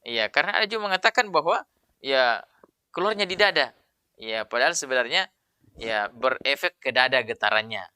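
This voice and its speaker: A male Quran recitation teacher giving a patient tajwid lesson, explaining slowly and sounding out letter sounds to show how they are made. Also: mid-range voice, expressive, sharp tone, smooth, no room sound, clean studio sound. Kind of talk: tajwid lesson with spoken demonstrations.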